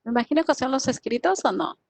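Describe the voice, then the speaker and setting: A woman's voice: high-pitched, expressive, quick pace, vocal fry, a little mellow, no room sound. A woman student answering her teacher's questions in a class, hesitant and searching for words.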